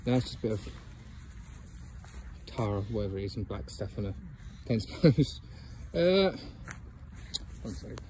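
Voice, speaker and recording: A man's voice: fairly low pitch, lively intonation, measured pace, long pauses, dark tone, a little hiss or hum. A man filming a casual outdoor walk-and-talk vlog on a phone, rambling with many ums and chuckles. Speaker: geocaching vlogger. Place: outdoors by a fence and bushes.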